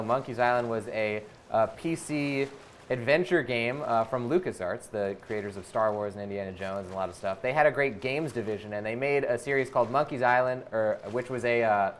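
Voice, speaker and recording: A man's voice: medium pitch, a little hiss or hum. A man hosting a live game stream, chatting casually and reading viewer comments aloud between moments of play. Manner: casual, lots of uh fillers, reads comments aloud.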